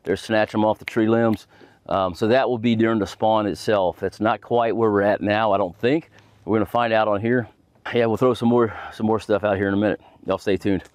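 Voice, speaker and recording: A man's voice: medium pitch, darkish tone. A middle-aged man, hosting a fishing channel and giving casual tips from a boat on a lake, rambling with lots of fillers. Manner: folksy, rambling, full of fillers. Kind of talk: casual instructional talk.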